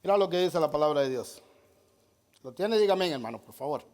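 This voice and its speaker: A man's voice: fairly high pitch, animated, fairly quick, a little mellow. A male pastor preaching a sermon, emphatic, firing rhetorical questions at the congregation and repeating key phrases. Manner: repeats key phrases, addresses listeners as brother.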